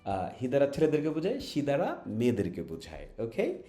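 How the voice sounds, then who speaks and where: A man's voice: mid-range voice, wildly swooping pitch, a little fast, warm tone, echoey room, soft background music. A Bangladeshi man teaching children English in an online lesson, patient, asking questions and having them repeat words.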